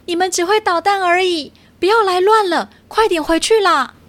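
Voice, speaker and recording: A woman's voice: sits high, animated, measured pace, pitched above the performer's own voice. A woman voicing a cheeky, grumpy little sea otter who talks in a whiny, impatient way in a children's storybook.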